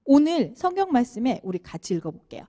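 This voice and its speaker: Very high, lively woman preaching to children. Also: fast talker. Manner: animated, asks the kids questions. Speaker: children's minister. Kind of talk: children's sermon.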